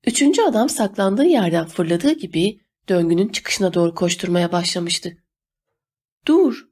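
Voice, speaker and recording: A woman reading a novel aloud as an audiobook narrator, steady and measured. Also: fairly low pitch, breathy edge. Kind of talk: scripted narration.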